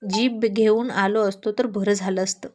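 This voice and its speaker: A woman voicing a gruff young man who answers curtly and with dry sarcasm. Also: mid-range voice, fairly even intonation, unhurried, darkish tone, lightly acted. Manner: curt and dry, mildly sarcastic.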